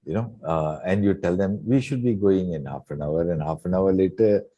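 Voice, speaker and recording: A man in his sixties from Singapore, a retired coach reflecting in an interview with many soft fillers. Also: low-pitched, moderate pace, dull audio. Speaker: guest coach. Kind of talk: relaxed interview conversation.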